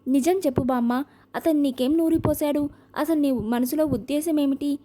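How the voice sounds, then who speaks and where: A woman's voice: sits high, moderate pace, dark tone, natural voice. A woman voicing a proud, restless young heroine in an audio novel, speaking in an insistent, pleading way.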